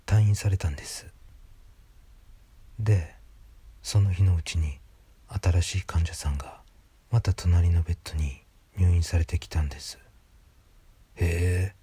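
A man reads a creepy ghost story in a hushed, breathy whisper, speaking conversationally as the narrator. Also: sits low. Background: background music.

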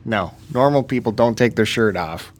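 A man's voice: medium pitch, expressive, moderate pace, no echo. Teasing male podcast co-host. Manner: teasing, laughs often. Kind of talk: casual chat.

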